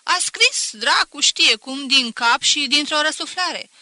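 A woman's voice: high-pitched, lively intonation, bright, forceful tone, no room sound, voice pushed up, full character voice. A woman voicing an earnest schoolboy who insistently pleads with his teacher in an audiobook. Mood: pleading.

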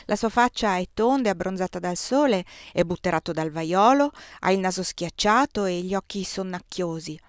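A woman's voice: lowish voice, dry recording. Woman reading a novel aloud, dry close sound. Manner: measured, expressive reading. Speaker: audiobook reader. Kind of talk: first-person novel narration.

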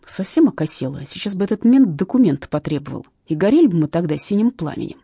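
A woman's voice: lowish voice, very animated, fast talker, vocal fry, dark tone, breathy edge, dry recording, studio quality, full character voice. Woman doing a hissing, shifty male crook. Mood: angry hissing. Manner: hissing, snarling threats. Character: shifty thin male thief, angry and crude.

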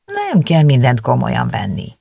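Audiobook: a reader playing a teasing schoolboy, husky, gravelly. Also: medium pitch, wildly swooping pitch, warm tone, no room sound, studio quality, heavily acted. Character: young man, teenage schoolboy, teasing.

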